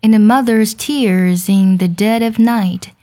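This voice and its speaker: Woman explaining english song lyrics, sings lines slow to show linking, mid pitch. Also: warm tone, faint music behind. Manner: explains lyrics patiently with filler "呢", sings lines slowly to demonstrate. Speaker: English pronunciation teacher.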